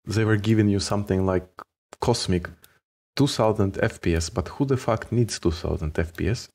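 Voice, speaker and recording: A man with a Ukrainian accent giving relaxed, casual commentary while streaming a game, swearing offhandedly. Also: lowish voice, normal speed.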